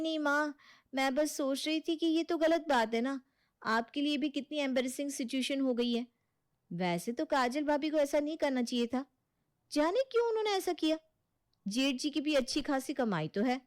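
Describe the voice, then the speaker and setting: A woman's voice: high-pitched, moderate pace, lightly acted. A woman voicing a scheming, manipulative young wife who sweet-talks her in-laws in a cartoon story. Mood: sweet-talking. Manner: sugary, scheming.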